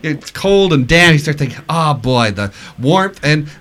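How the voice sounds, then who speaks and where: A male radio co-host with a slightly high voice interviews a guest in a friendly, relaxed way. He introduces her easily and asks his questions warmly. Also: measured pace.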